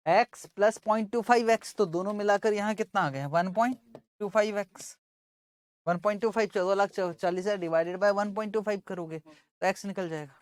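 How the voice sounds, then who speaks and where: A man's voice: high voice, moderate pace, clear, resonant tone. A man teaching accounting in an informal lesson, casually working through the sums aloud.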